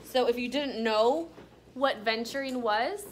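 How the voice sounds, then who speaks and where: A low-quality recording with a little hiss or hum captures a woman's fairly high voice, paced in a measured way. She's teaching elementary pupils in a classroom, explaining vocabulary and reading aloud while regularly prompting them with questions and check-ins.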